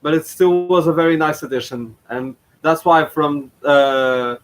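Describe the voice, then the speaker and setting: A man's voice: a little high, measured pace, rough recording. Hesitant man rambling in reaction commentary. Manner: hesitant, frequent fillers and restarts. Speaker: channel host reacting to a past contest.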